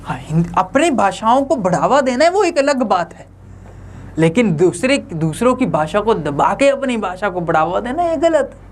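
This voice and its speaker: A man's voice: sits high, big pitch swings, normal speed, a little hiss or hum. A young man teaching an online lecture in a conversational way, often asking the viewers rhetorical questions.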